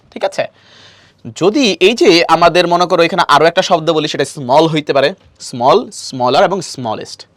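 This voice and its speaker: This online admission-prep lecture comes from a male teacher whose voice is slightly high for a man, captured dry and close without any room echo. Patiently covering each point, he poses and answers his own questions while falling back on the same filler phrases over and over.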